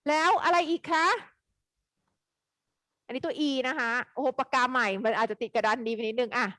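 Lively woman teaching English. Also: on the high side, normal speed, no echo. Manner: lively, quizzes students, mixes English into Thai. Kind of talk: live online lesson.

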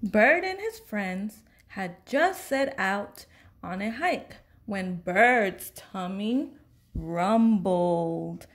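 A woman with a mid-range voice reads a children's picture book aloud, telling the story in an expressive, deliberate way.

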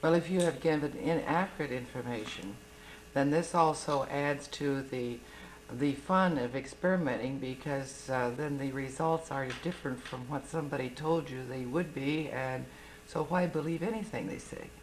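A woman's voice: very deep voice, normal speed, low-quality recording. A woman interviewing a guest for television, asking long questions with hesitant restarts. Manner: hesitant, many fillers and restarts.

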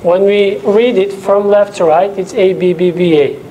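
Speaking English as a second language, this young teaching assistant has a high-sitting, dark voice, a steady tone and a moderate pace. He walks the class through material step by step in a lecture room with a projector and whiteboard, pausing often to ask "okay?" The lapel-mic audio is low quality, with slight background noise.

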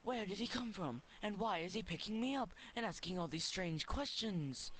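A timid little potato who labors on a farm and frets aloud to himself, as a man puts him on. The voice sits a bit high and worried, and faint ambient hiss lingers behind it. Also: lively intonation, moderate pace, fairly bright tone, rough recording. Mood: fretful. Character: meek put-upon male potato farmhand.

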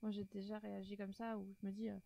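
A woman's voice: medium pitch, level tone, fast, creaky, warm tone, no echo. A woman co-hosting a casual stream chat, hesitant and full of fillers, laughing easily. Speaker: stream co-host.

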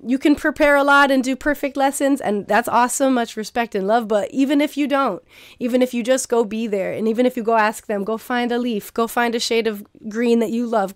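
A woman's voice: fairly high pitch, no echo, clean studio sound. A young woman giving a recorded keynote as a garden teacher, earnest and encouraging, often repeating phrases for emphasis. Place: indoor room at home, video recording.

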